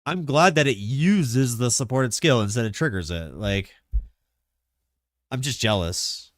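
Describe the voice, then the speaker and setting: A man streaming live, chatting casually and excitably about game mechanics, rambling with lots of filler words. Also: medium pitch, measured pace, no room sound, studio quality.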